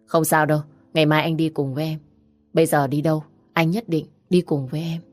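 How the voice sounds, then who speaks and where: A protective young husband who speaks with gentle reassurance, as read by a woman narrator. The voice is low and close, with a dry sound. It is an audiobook character. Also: flat delivery, brisk, no echo, faint music behind, lightly acted. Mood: tender.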